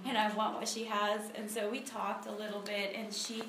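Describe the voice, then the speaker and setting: Medium in pitch with little movement, she keeps a moderate pace. The speaker, a Honduran woman in her thirties, gives a casual testimony with prayer at a church ministry meeting, restarting often and filling gaps with um. Recorded on a tabletop phone, the room is echoey and has noticeable background noise.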